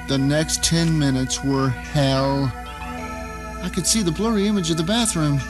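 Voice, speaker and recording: A high-voiced man performs an audio drama monologue as a bitter, vindictive captive recounting his own ordeal. His delivery is melodramatic, sardonic and deliberately phrased, with an anguished mood, and the audio quality is poor.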